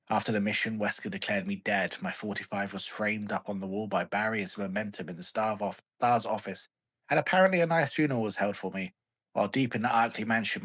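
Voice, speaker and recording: A man's voice: fairly low pitch, a bit bright. A man reading fanfiction aloud in a mock-dramatic voice and joking about it as a podcast host. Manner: reads in a mock-dramatic voice, swears, laughs. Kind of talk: comic dramatic reading and banter.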